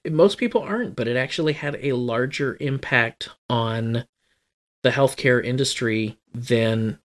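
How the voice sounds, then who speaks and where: A man's voice: mid-range voice, measured pace. A man explaining a topic at length in casual conversation, talkative and wry, often correcting himself. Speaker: guest explaining healthcare IT.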